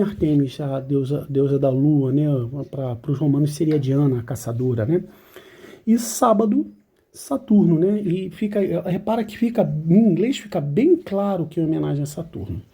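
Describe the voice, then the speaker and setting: A man teaches a language lesson in a loose, conversational way, often checking in with his listeners. His voice is very dark and mellow, with a husky edge. He drops light self-deprecating asides as he goes. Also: a little high, lively intonation, moderate pace. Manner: chatty and informal, with frequent tag questions. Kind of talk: explaining song lyrics in a language lesson.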